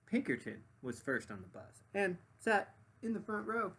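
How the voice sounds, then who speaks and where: A man reads a children's story aloud like a teacher, swinging widely in pitch. His voice is a little husky, and he pauses to muse and prompt his listeners. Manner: animated, pausing to muse and prompt. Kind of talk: expressive children's story narration with questions to listeners.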